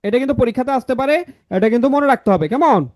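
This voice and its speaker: A man's voice: very high-pitched, lively intonation, fast talker, a little mellow, dry recording. A young man teaching grammar in an online exam-prep lecture, repeating key answers and asking the class questions.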